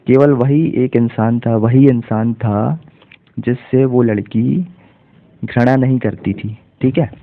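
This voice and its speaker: Slow man teaching English over tinny audio. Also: mid-range voice, steady tone. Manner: spells words letter by letter, then translates slowly. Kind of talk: English reading lesson in Hindi.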